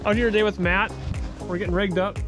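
A man in his thirties, a vlogger and angler, chats casually while ice fishing on a frozen lake, filmed on a body-worn action camera. Upbeat and rambling, he gets excited when fish bite; his voice sits high, a little fast, with music in the background.

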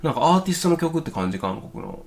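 Animated Kansai man reacting aloud. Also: fairly high pitch, fast talker. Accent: Kansai Japanese. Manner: excitable, thinking aloud with frequent exclamations. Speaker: reaction video host. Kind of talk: casual reaction commentary. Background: faint music video playing.

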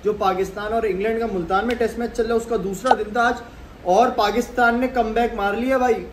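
High-voiced young man chatting cricket. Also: fairly even intonation, a little fast. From Pakistan. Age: young adult. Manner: chatty, gestures a lot with his hands. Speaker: cricket vlogger. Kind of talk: casual cricket commentary to camera. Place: sitting on a sofa in a small room at home. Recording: echoey room with faint background hum.

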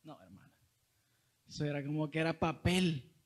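A young Salvadoran preacher from El Salvador shares a testimony during a sermon, telling it with animated energy and often calling his listeners "brother." He speaks in a Salvadoran Spanish accent at a moderate pace, his voice pitched fairly high.

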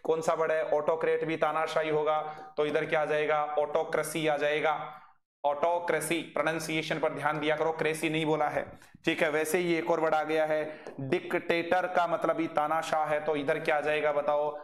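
A man's voice: a little high, fairly bright tone, echoey room. Hindi-speaking man teaching English vocabulary. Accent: Indian English. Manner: drills students with quick questions, reads chat aloud. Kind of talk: live online class.

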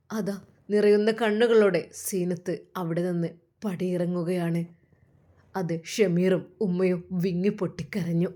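Storyteller, woman, Malabar Malayalam accent, dramatic tearful narration. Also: mid-range voice. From Kerala.

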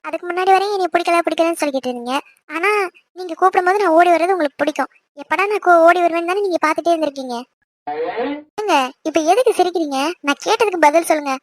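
In this cartoon voice acting, a woman plays a shy, playful newlywed wife who speaks coyly and affectionately, sweetly protesting. Her voice is very high and she talks very fast.

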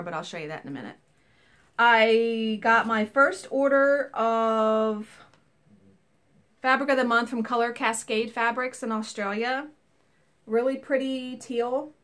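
A woman's voice: fairly high pitch, a bit bright. A woman in her thirties chatting casually through a cross-stitch haul video from a small home craft room, recorded on a webcam. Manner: chatty, enthusiastic, rambling asides. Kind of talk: casual show-and-tell haul.

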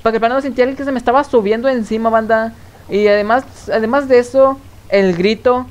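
A man's voice: very high voice, steady tone, a little fast. A man chatting casually on a live stream, rambling and constantly tossing in the same filler word.

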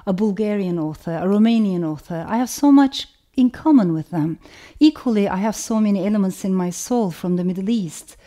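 This mellow-voiced woman from Turkey has a Turkish accent and a medium pitch. She's a novelist running her own channel, giving a reflective personal talk with a read passage, measured and thoughtful, often stringing items together in long lists.

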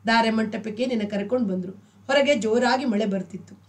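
A woman reading a novel aloud, voicing an aloof man who answers in a flat, matter-of-fact way. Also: fairly high pitch, a little fast, distant mic, close to an everyday voice.

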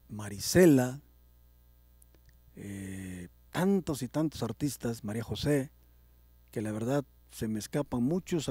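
A man, a songwriter being interviewed, talks in a reflective, grateful way and often fills his pauses with "este". His voice is dark and husky. It is recorded dry and close, with no room sound. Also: medium pitch, no room sound. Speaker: songwriter guest. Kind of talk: casual interview conversation.

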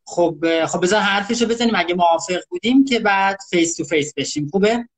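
A male host of a live chat, teasing his guest in a mock-polite way. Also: high-pitched.

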